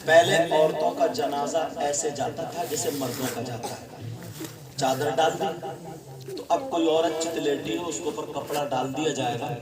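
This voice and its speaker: A man's voice: a little high, steady tone, normal speed, crowd noise. A man preaching a religious sermon to a gathering in a melodic, chanting delivery. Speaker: Islamic preacher. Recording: echoey, distant sound with loud music.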